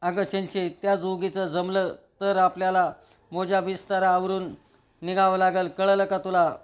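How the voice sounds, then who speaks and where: A woman's voice: lowish voice, flat delivery, measured pace, clean tone, natural voice. A man reading as a fretful scheming mother. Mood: scolding.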